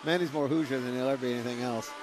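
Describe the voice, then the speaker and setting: A man's voice: mid-range voice, fairly even intonation, racing, noisy background. A man calling live practice laps at a small speedway, in a folksy, joking way. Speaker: race announcer. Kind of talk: live race commentary.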